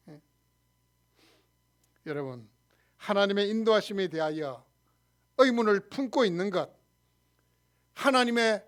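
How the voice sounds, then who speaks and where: A man with a Gyeongsang accent, a pastor preaching a sermon, who asks the congregation questions and answers them himself. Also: sits high. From Gyeongsang region, Korea. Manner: animated preaching, acts out shouted quarrels in dialect.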